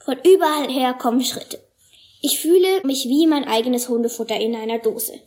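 Female storybook narrator, high voice, animated character reading. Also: normal speed.

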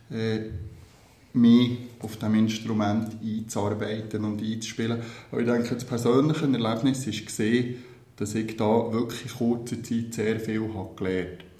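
A man's voice: mid-range voice, dark tone. A man, a percussion teacher answering interview questions earnestly and thoughtfully, with small hesitations. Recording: roomy echo.

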